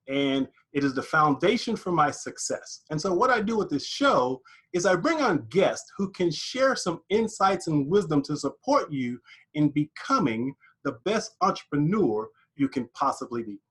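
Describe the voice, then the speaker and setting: A man hosting a podcast interview, upbeat and animated as he introduces his guest. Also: a little high, normal speed, husky. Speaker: podcast host.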